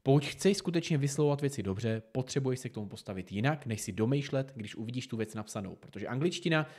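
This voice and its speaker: A man from the Czech Republic gives a relaxed pronunciation tutorial, speaking directly and informally to the viewer. His voice sits at an ordinary middle pitch. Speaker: English teacher. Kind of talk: casual tutorial monologue.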